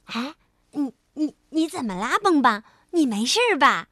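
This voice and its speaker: A woman's voice: high-pitched, animated, normal speed, sharp tone, dry recording, studio quality, exaggerated voice. A woman voicing a cheeky little frog in a children's story, stammering and giggly. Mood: flustered.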